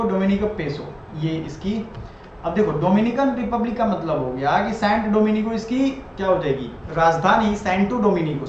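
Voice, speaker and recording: A high-voiced man teaching an exam-prep lesson, who drills each answer and asks the viewer to repeat it. The room is very echoey and the sound is dull and lo-fi, with a faint hiss underneath.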